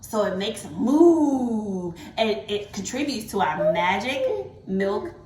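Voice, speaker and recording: A woman hosting an educational kids' demonstration, talking in an excited, encouraging way to a young child, with exclamations. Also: medium pitch, takes it slowly. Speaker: host of a family kids' science show. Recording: echoey room.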